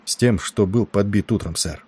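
Man doing a calm, defiant young sailor. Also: lowish voice, moderate pace, husky. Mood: dry. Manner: calm, dry, curt.

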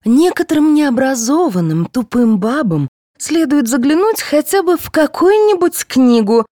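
A woman voicing a rude, indignant young female secretary who shouts and talks back in an audiobook. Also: medium pitch, very animated, normal speed, dry recording, studio quality, voice pushed up.

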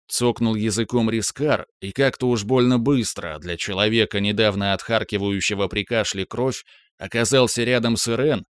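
A man reading a fantasy audiobook in the first person, his low voice smooth and resonant as he tells the story at a steady pace. The booth sound is dry and close, with no room around it. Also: no echo. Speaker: audiobook narrator.

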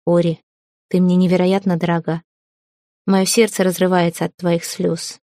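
Woman voicing a hot-tempered young prince, jealous and ironic, mellow low-key tone, dry close sound, audiobook. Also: flat delivery, normal speed, no echo, close to an everyday voice. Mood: tender. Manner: ironic, stern, pleading.

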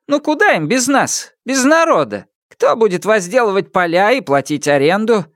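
A domineering old peasant matriarch, as a man acts her out, barks orders in a high, sharp voice. Her scolding tone rises and falls widely. This is an audiobook-style reading with a dry, close sound. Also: very animated, normal speed, no room sound. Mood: grumbling.

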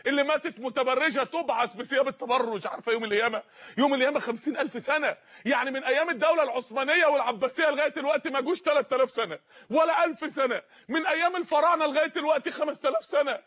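A man with an Egyptian accent delivers a fiery sermon in a strikingly high voice at a rapid clip. He pleads and shouts, hammering home repeated phrases. The recording is muffled and lo-fi. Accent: Egyptian Arabic. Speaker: preacher.

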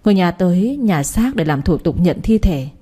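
A steady, firm hospital nurse in an audio story, read by a woman. The voice is low-set and mellow with a husky edge. She speaks evenly and keeps her words controlled. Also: normal speed. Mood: grave. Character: calm female hospital nurse.

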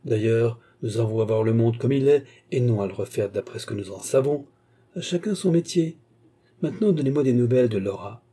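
Man voicing a breezy painter, teasing, dark husky tone. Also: mid-range voice, brisk, lightly acted. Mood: amused. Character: cheerful amused male painter friend.

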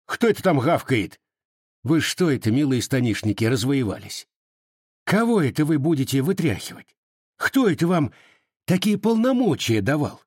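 A man's voice: a little high, sing-song, normal speed, a little mellow, breathy edge, dry recording, studio quality, voice pushed up. A man reading the part of a tough young Cossack officer who speaks curtly and menacingly. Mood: commanding. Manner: curt, commanding.

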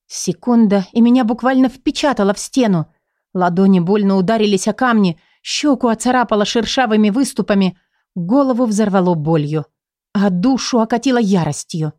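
Mellow-voiced woman reading a novel. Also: mid-range voice, no echo, clean studio sound. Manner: expressive, measured. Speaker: audiobook narrator. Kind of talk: first-person audiobook reading.

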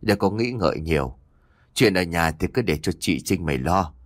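Narrator voicing a blunt older uncle, low and unhurried. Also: male voice, big pitch swings, no room sound, clean studio sound. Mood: gentle.

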